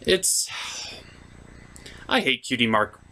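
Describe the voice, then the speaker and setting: On his comedic cartoon review show, the host reads scripted commentary and asides with over-the-top, mock-dramatic flair. His medium-pitched voice is animated, pushed and bright, yet his pace is slow.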